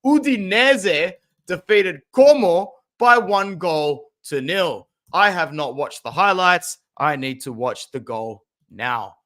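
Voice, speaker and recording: Excitable young man on stream. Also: high voice, slow pace, hardly any pauses. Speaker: football fan channel host. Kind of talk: casual live-stream commentary.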